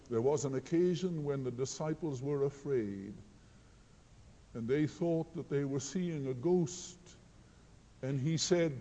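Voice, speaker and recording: A man preaching a sermon in a slow, earnest way, quoting scripture often. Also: a little high, warm tone. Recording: long hall reverb.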